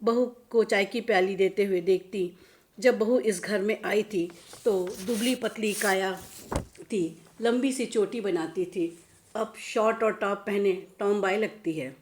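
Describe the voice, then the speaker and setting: A woman reads her own short story aloud in a plain, measured storytelling manner. Her voice sits at a middle pitch for a woman and moves along steadily from line to line. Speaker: author reading her story. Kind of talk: storytelling narration.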